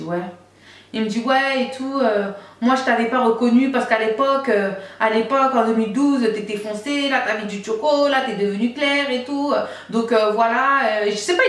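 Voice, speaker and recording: A woman in her thirties telling a personal story in a casual storytime monologue, chatty and full of fillers, acting out what others said. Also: fairly high pitch. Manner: chatty retelling, acts out quoted dialogue, many fillers. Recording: very echoey room, voice far from the mic.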